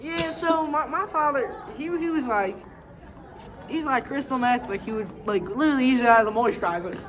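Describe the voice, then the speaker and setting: A young woman improvising a mock interview, deadpan and stammering. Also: high-pitched, moderate pace, a crowd in the background, noisy background. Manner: deadpan, stammering, breaks into laughter. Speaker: interviewee in a comedy skit.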